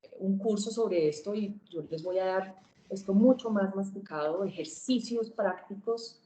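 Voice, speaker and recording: A woman teaching a public speaking webinar, swinging her pitch, volume and pace to demonstrate. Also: measured pace, warm tone, echoey room, low-quality recording. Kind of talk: webinar lesson.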